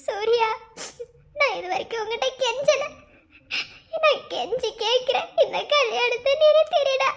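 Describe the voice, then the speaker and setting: Lady doing a squeaky high young bride begging, tearful, cartoon. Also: unhurried, fairly bright tone. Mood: desperate pleading. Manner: tearful, pleading. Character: heartbroken young bride pleading to stop wedding.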